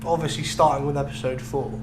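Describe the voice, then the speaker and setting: This young British man co-hosts a podcast, chatting casually in a brisk, mid-range voice. The recording has an echoey room sound with a clear hum.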